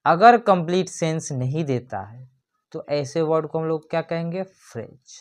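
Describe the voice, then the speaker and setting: Slow, patient grammar teacher. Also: mid-range voice. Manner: reads definitions slowly, then explains them with rhetorical questions. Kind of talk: explanatory lesson.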